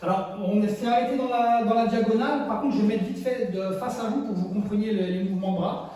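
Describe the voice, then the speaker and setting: A man's voice: high voice, quick pace, warm tone. A man teaching a dance routine, counting beats and singing along as he demonstrates. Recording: echoey studio from far off.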